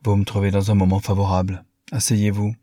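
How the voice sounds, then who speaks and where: A vain, scheming young Parisian woman, delighted to be fought over, as a male reader puts her on. The voice stays deep and husky, and it is recorded dry. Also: level tone, a little fast, mellow, no echo, natural voice. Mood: coquettish. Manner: coquettish, mocking.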